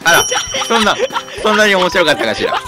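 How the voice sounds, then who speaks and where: A man's voice: high voice, sing-song, fast talker. A man playing a sassy, vain middle-aged mother in a comedy game skit, speaking in a mock-genteel feminine way. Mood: vain, giggly. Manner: feminine mock-genteel phrasing, laughs at own jokes. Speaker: game commentator. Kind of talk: comedy skit over gameplay. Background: background music.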